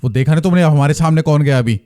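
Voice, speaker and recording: A man quoting his frightened, feverish young wife, anxious and pleading in his own dark voice. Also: fairly high pitch, fast talker, pitched above the performer's own voice, natural voice.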